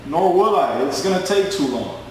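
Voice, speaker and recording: A man in his twenties giving a screen-recorded sales pitch, pushy and boastful, repeating himself a lot. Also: animated, moderate pace, a little mellow, roomy sound, slight background noise, rough recording. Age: 20s. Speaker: network marketing recruiter.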